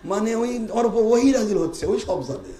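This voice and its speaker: High-voiced man preaching a fiery sermon. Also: very animated, normal speed, mellow. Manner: call-and-response with audience, scolding and rhetorical questions. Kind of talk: Bengali waz sermon.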